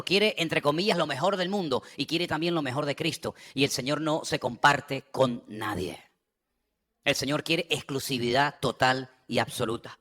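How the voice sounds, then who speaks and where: A middle-aged man preaching a sermon, with impassioned delivery that swings between loud exhortation and low, quiet passages. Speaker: pastor.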